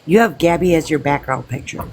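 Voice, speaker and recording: A woman's voice: sits low, brisk, a little mellow. A woman in her fifties on a live-stream panel, blunt and profane as she accuses someone. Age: 50s. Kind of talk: heated live-stream argument.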